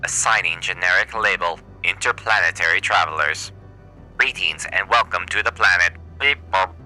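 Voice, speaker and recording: Brief: man voicing a monotone robot trooper from a game, very low and sharp-edged, clipped and emotionless. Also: normal speed, soft background music, poor audio. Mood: flat robotic. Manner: flat, clipped robot-voice delivery. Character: cold, monotone male robot soldier, matter-of-fact. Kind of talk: reading game dialogue aloud in character.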